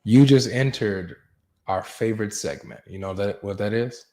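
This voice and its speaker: A man's voice: on the low side, moderate pace, darkish tone. A man hosting a live online debate stream, chatty and teasing, slipping into a hyped announcer voice. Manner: playful, teasing, announcer-like hype. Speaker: livestream debate host. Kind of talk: casual live debate chat.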